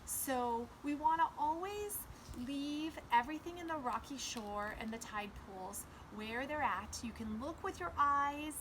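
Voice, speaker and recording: Against a noisy background, a woman with a high-pitched voice reads to young children in a preschool setting. She explains the material simply and instructively, as in a basic lesson.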